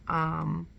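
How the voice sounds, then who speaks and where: A cross stitch vlogger chats casually to camera from a small indoor room at home, her low, creaky voice nasal because she's getting over a cold. She rambles and corrects herself, with light laughs, and the recording is muffled.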